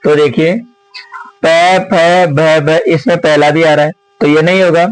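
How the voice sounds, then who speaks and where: A man teaching Sanskrit grammar and working through exam questions, explaining slowly, repeating himself and asking his students many rhetorical questions. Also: a little high, fairly even intonation, no echo, low-quality recording. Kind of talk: exam question walkthrough lesson.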